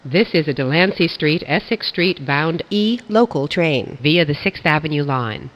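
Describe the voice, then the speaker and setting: A woman reading scripted automated subway announcements in a formal, measured way. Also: low voice, expressive. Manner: formal, measured delivery of stop and line information. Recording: dull, band-limited announcement audio.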